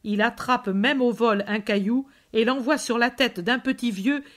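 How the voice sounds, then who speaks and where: A woman narrating a religious story in a measured, solemn reading. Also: fairly high pitch. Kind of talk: scripted narration.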